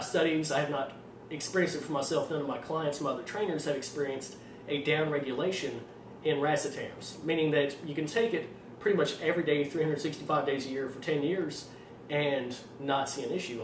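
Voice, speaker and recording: A man with an Arkansas accent explaining things informally as a trainer, in a fairly monotone voice with a slight tendency to stutter. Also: a little high. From Arkansas, United States. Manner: self-described monotone delivery. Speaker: fitness trainer presenting supplement advice. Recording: roomy echo, distant mic, faint noise.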